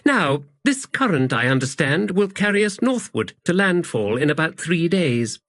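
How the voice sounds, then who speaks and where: A man's voice: on the high side, sing-song, normal speed, a bit bright, no room sound, clean studio sound, voice pushed up. A man voicing a condescending young princess, lofty and teasing, in a storybook reading. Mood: haughty.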